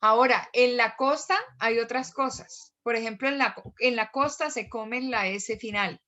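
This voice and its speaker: Lady teacher, chatty, fairly high bright voice, keeps asking the class questions. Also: normal speed, muffled recording. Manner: chatty, animated, asks students questions. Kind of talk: online class lecture.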